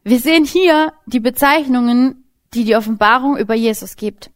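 High-voiced woman giving a casual sermon. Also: normal speed. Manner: casual, lively, talks directly to listeners. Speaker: Bible teacher. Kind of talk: informal sermon.

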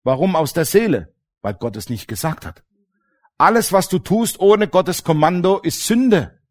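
A middle-aged male pastor preaching with a voice that rises and falls a great deal. He pitches his speech a little higher than most men and drives his points home with emphasis. He keeps checking in with the congregation through rhetorical questions. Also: lively intonation, a little slow, a little mellow. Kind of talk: sermon.

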